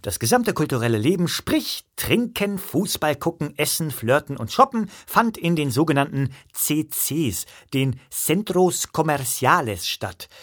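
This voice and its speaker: A man narrating a comic audiobook in a wry, expressive storytelling manner. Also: medium pitch.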